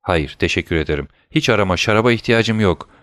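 A man playing a frail gentle old father. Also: on the low side, animated, fast talker, dry recording, clean studio sound. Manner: soft, reassuring.

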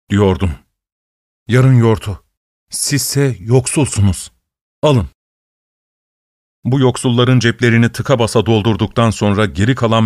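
A man narrating a story in a steady, measured reading voice. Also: fairly low pitch, no echo, studio quality.

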